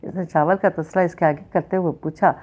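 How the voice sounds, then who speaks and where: A woman's voice: on the low side, fairly even intonation, a little mellow. A woman reading an episode of a novel aloud, narrating and speaking the characters' lines in a mostly plain voice. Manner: reads all characters' dialogue in a mostly plain voice, with small restarts. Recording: dull lo-fi recording.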